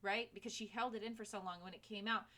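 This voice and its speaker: A woman's voice: medium pitch, fairly even intonation, quick pace, bright, forceful tone. A woman giving a casual tarot reading, speaking frankly to the viewer and swearing freely. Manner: chatty, talks to viewer directly. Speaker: tarot reader.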